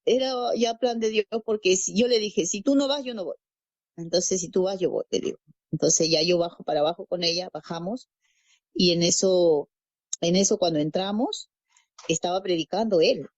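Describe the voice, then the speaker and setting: A woman's voice: on the low side, a little mellow, no room sound, dull audio. A woman from Peru telling her conversion testimony as a guest, storytelling and acting out quoted dialogue, repeating phrases. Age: adult parent. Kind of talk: personal faith testimony.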